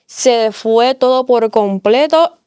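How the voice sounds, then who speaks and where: A woman's voice: on the high side, takes it slowly, darkish tone, clear, resonant tone, no echo, studio quality. A woman, a guest on an interview, giving an earnest faith testimony and telling her story with repeated phrases for emphasis.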